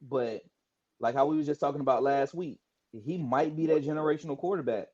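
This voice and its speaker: A man co-hosting a podcast, talking sports in an emphatic, animated way with casual swearing. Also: a little high, fairly quick. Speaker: podcast co-host. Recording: muffled lo-fi podcast audio.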